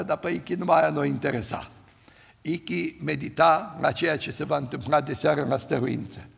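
An older man, a pastor from the of Romania, preaching and telling stories, his voice swinging from loud to hushed. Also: mid-range voice, vocal fry, slightly rough. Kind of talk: sermon. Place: large church hall. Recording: church hall reverb.

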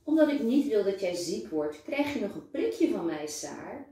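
A woman's voice: mid-range voice, very animated, normal speed, dark tone, slight background noise. A woman voicing a friendly male doctor who jokes playfully with a small child in a storybook reading. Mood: kind, teasing. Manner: playful, teasing. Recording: very echoey room, voice far from mic.

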